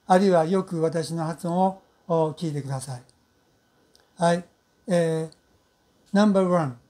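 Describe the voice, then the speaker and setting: A woman teaching English pronunciation in Japanese, speaking slowly and patiently with many fillers and drawn-out model sounds. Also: on the low side, mellow. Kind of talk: recorded pronunciation lesson.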